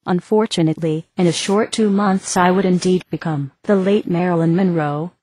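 A woman giving a measured, even scripted narration of a fantasy story. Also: fairly low pitch, husky.

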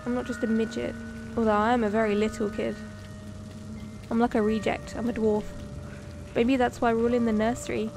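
A woman's voice: on the high side, little pitch movement, brisk, vocal fry, pauses often, over music. A woman streaming a horror game with casual commentary, sounding jumpy and scared and swearing as she reacts.

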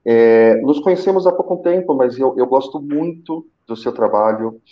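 Over muffled, roomy video call audio, a man in his thirties, a senior call center manager, earnestly tells his career story live through a headset. His medium-pitched voice moves at normal speed, often restarting with repeated words.

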